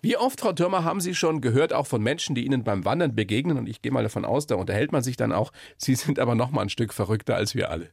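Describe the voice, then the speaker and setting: Brief: male host, gravelly and husky, dry close sound, playful questioner. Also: mid-range voice, expressive, quick pace, hardly any pauses, no echo. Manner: curious, playful questions, laughs often. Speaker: interviewer. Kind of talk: casual interview.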